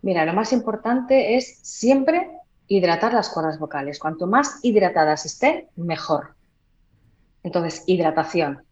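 A woman voice therapist explaining in a podcast interview, demonstrating by changing her volume and slowing down. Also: on the low side, expressive, a little mellow, highs cut off. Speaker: voice therapist and trainer.

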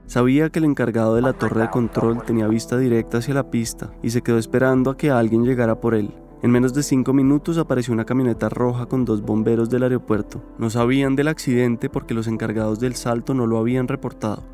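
A male podcast narrator reads scripted documentary storytelling in a level, flat delivery. His tone is dark and mellow. Soft music runs faintly underneath. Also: mid-range voice. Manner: measured, even storytelling.

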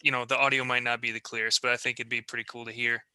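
A man's voice: mid-range voice, flat delivery, racing, sharp tone, no room sound. A man hosting a casual chat on a video call, steering the talk with questions.

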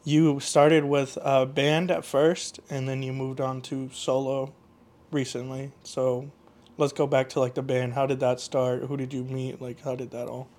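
A man's voice: medium pitch, flat delivery, unhurried, darkish tone. Laid-back male podcast host. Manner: laid-back, rambling, heavy use of "like". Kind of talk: casual interview chat.

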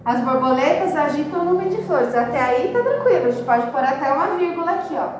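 A woman's voice: high voice, expressive, fairly quick, far from the mic, slight background noise. A woman teaching a class, explaining step by step and counting syllables aloud. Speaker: schoolteacher. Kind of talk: classroom instruction. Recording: echoey room, recorded from afar.

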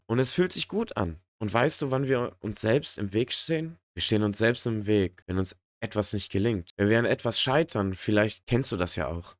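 A man's voice: on the low side, dry recording, clean studio sound. Earnest man giving a motivational talk. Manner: earnest, direct, addresses the listener as du. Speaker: podcast host. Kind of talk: motivational monologue.

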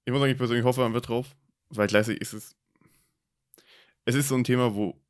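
This podcast co-host is a German man in his early twenties who talks fast in a mid-range voice with fairly even intonation. He thinks things through in casual discussion, reflective and hesitant, peppering his speech with fillers.

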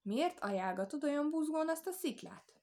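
A woman's voice: mid-range voice, gravelly, lightly acted. A woman voicing a big, angry, boastful male wolf who growls threats in a storybook tale. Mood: menacing.

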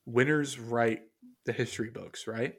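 A podcast co-host with a mid-range, fairly bright voice and fairly even intonation reads from his notes in an unhurried way, musing aloud as he goes. His speech is rambling and hesitant, packed with fillers and restarts.

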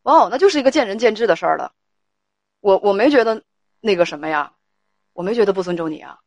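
A woman's voice: mid-range voice, lively intonation, quick pace, no echo. A woman hosting a live call-in advice stream, firmly steering and judging a caller's family quarrel. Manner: firm, talks over the caller to steer her. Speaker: livestream advice host.

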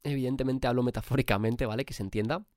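A man's voice: medium pitch, steady tone, quick pace, darkish tone, no echo, studio quality. Spanish man with a cold, motivating. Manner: emphatic, casual swearing. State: has a cold. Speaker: podcast host. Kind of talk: motivational podcast monologue.

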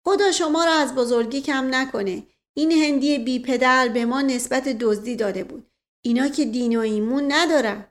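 A woman's voice: high-pitched, natural voice. A woman voicing a coarse working-class shoeshine man in an audiobook, blunt and colloquial. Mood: resentful.

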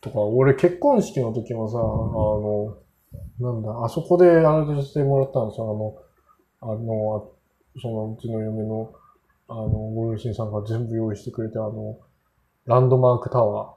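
A man's voice: fairly low pitch, normal speed, dark tone, slight background noise. A man casually telling rambling, self-mocking anecdotes in a solo monologue. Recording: roomy echo.

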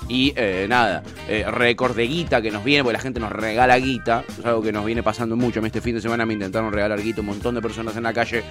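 A man's voice: fairly low pitch, fairly even intonation, fast talker, hardly any pauses, music in the background. A young man with an Argentine Rioplatense accent hosting a morning radio show, teasing and exaggerating in playful banter. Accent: Rioplatense Spanish. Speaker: radio host.

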